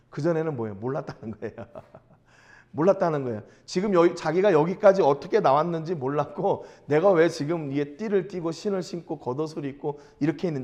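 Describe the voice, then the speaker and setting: A man's voice: a little high, darkish tone. A man preaching a sermon as pastor. He retells scripture in casual speech and keeps asking the listeners rhetorical questions. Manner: storytelling with frequent rhetorical questions.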